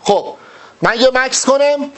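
A man's voice: very high voice, a bit bright. A man teaching an Arabic grammar lesson for an exam, talking directly to the student and drilling verb forms. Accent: Persian. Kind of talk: recorded exam-prep lesson.

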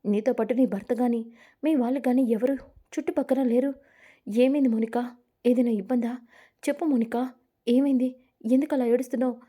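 A woman plays a caring, protective sister-in-law in a spoken story. She speaks urgently and with concern, in a mellow, slightly high voice. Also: fairly even intonation, fairly quick, pauses often, natural voice. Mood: worried. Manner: worried, urgent.

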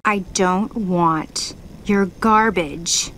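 A woman voicing a cold, withdrawn blue female water gem in a cartoon, speaking flat and curt. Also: fairly low pitch, extremely slow, soft background music.

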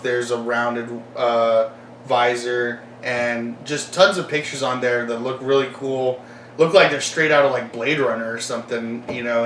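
Young adult man, casual filler-heavy vlog ramble; bright, tense voice, roomy echo, a little far from the mic, faint room hiss. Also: mid-range voice. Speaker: collector vlogger.

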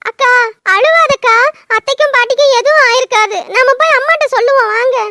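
This is a very high, bright, cheeky little girl in a cartoon. She rattles off her lines at speed, blunt and bossy with her older cousin. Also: dry recording, studio quality. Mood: alarmed. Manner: quick, chattering, blunt. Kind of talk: cartoon dubbing.

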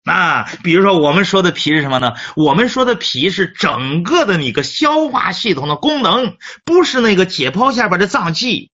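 A man's voice: high voice, very animated, normal speed, hardly any pauses, sharp tone, husky. A middle-aged man, a Chinese medicine teacher telling a clinic story in a lecture, often repeating and restarting words. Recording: dull lo-fi recording.

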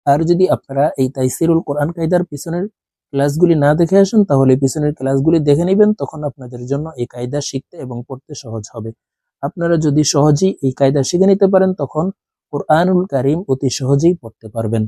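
A man teaching Quran reading in a Bengali lesson, moving between brisk explanations and slow, drawn-out chanting of letter and vowel drills. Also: a little high, warm tone, no echo. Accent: Bangladeshi Bengali.

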